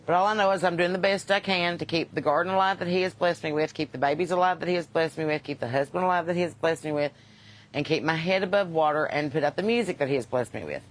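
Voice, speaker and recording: A woman's voice: low-pitched, fast, low-quality recording. Folksy Southern woman chatting off the cuff. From Kentucky. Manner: folksy, unpolished, wisecracking. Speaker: host and singer chatting with live viewers. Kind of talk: casual livestream chat.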